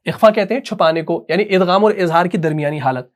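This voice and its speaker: A high-pitched man teaches Quran recitation in a dictated classroom lesson. He's patient and repeats himself, slowing down to dictate terms and checking again and again whether the point is clear.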